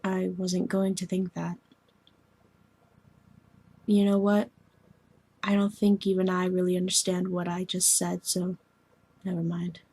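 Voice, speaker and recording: In scripted dialogue, a woman voices a formal young alien woman who meddles gently, delivering lines in a measured, precise, deadpan manner. Her voice is fairly low and husky, and the mood is subdued.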